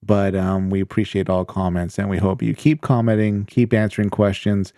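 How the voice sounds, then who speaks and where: A man's voice: lowish voice, little pitch movement, moderate pace, dark tone, no room sound, clean studio sound. A man co-hosting a podcast in casual chat, joking and laughing often. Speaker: podcast co-host.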